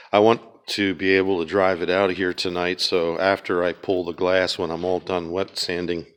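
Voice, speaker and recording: Man, Pennsylvania accent, very low voice, monotone, halting casual narration, handheld camera in a garage. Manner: rambling, halting, many ums and uhs. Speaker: DIY car restoration vlogger. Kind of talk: casual walk-around narration.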